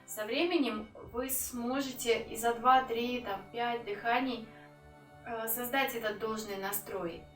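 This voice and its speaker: Calm woman teaching breathing, roomy distant sound. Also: on the high side. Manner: calm, unhurried guidance with pauses between phrases. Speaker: yoga breathing instructor. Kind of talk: instructional breathing lesson, guiding an exercise. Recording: roomy echo, distant mic, music.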